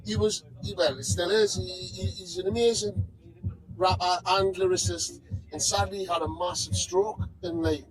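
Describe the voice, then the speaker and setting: A man's voice: sits high, steady tone, normal speed, soft background music, rough recording. A man, chatting casually as a musician guest, colloquial, blunt and sweary. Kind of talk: casual chat.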